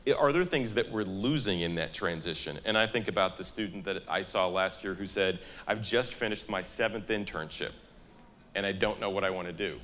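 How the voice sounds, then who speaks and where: A man's voice: low-pitched, brisk, fairly bright tone, slight background noise. A middle-aged man moderating a panel discussion on stage, talking conversationally and reflectively. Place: large atrium stage with audience.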